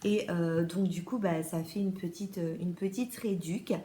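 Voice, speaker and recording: A woman's voice: fairly low pitch, a little slow, warm tone, echoey room. A French-accented woman chatting casually through a beauty haul as a vlogger, with many fillers and restarts.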